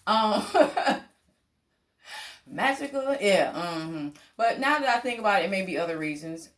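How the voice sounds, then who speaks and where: A woman casually telling a personal childhood story to her viewers, chatty and lively, laughing often and acting out the voices of people in it. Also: mid-range voice, measured pace. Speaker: vlogger.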